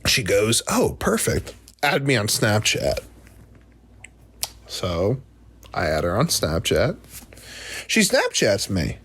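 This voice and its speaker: A man's voice: lowish voice, slow pace, long pauses, husky. A man in his twenties from New Jersey, telling a comic story on a podcast and acting out the people in it. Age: 20s. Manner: animated, acts out quoted voices. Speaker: podcast host. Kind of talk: comedic storytelling.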